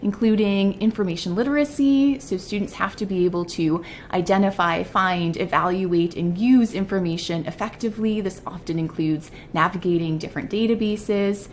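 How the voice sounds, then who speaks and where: Woman lecturer presenting over rumbling noise. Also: moderate pace, few pauses. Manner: clear explanatory, orderly listing of points. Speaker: university psychology professor, lecturer. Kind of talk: prepared lightning-talk presentation. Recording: noticeable low rumbling background noise.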